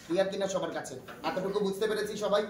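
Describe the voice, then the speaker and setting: A man's voice: high-pitched, racing, over a noisy crowd. A man with a Bangladeshi accent teaching a classroom grammar lesson, patiently asking his class questions and repeating his points. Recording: echoey room from far off, faint noise.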